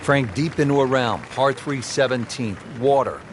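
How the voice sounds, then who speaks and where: A man's voice: medium pitch, normal speed. A man calling golf play-by-play, describing shots in short phrases. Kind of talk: golf commentary. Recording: light crowd and background noise. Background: faint crowd, outdoor ambience.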